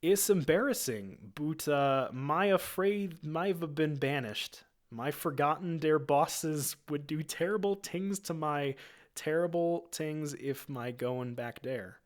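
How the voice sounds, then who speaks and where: A man voicing a clumsy, goofy male amphibian alien who talks in drawn-out broken pidgin, in an amateur screenplay reading. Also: a little high, voice pushed up. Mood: goofy pleading.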